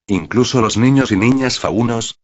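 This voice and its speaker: A man's voice: mid-range voice, moderate pace, darkish tone, no room sound, pitched above the performer's own voice, natural voice. A man reading as a timid little teddy-bear girl. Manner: timid, childlike. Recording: dull, dry lo-fi recording.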